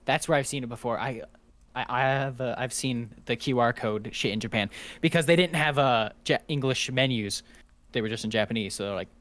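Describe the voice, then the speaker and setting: A man's voice: mid-range voice, brisk, fairly bright tone. A man co-hosting a podcast in casual chat, who laughs often and swears casually. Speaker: podcast co-host.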